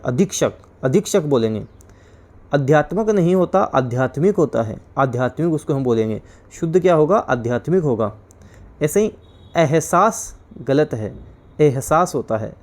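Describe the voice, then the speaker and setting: A male teacher from India giving an exam-prep class, explaining each point, repeating it and quizzing his students with questions. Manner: drops to a low, quiet voice on each corrected word.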